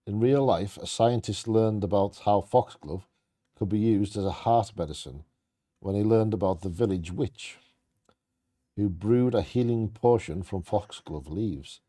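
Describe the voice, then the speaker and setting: A man's voice: on the low side, a little slow, mellow. A man co-hosting a bingo game, reading scripted trivia aloud in a playfully theatrical storytelling way.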